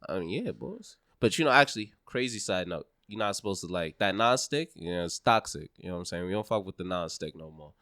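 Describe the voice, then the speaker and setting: A man's voice: low voice, animated, fairly quick, hardly any pauses, a bit bright, no room sound, studio quality. A man co-hosting a podcast, telling stories in a loose, slangy casual chat and throwing in sound effects. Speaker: podcast co-host.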